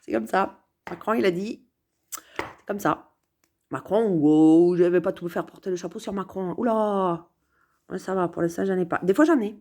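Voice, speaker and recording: A woman's voice: medium pitch, fairly quick, darkish tone. A woman musing playfully to camera from her sofa at home, meandering with many hesitations and repeated words. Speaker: vlogger. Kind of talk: rambling casual musing to camera.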